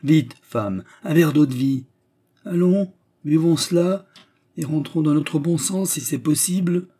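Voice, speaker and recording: A man voicing a coarse, scheming middle-aged male estate steward in a gruff, blustering manner. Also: mid-range voice, expressive, moderate pace, warm tone.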